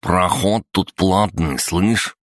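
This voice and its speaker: A man's voice: low voice, steady tone, takes it slowly, no room sound, clean studio sound, pitched above the performer's own voice. A man voicing a nasal, bullying young thug. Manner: rude, bullying, demanding. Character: tall young male street thug, arrogant bully. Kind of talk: audiobook character voice.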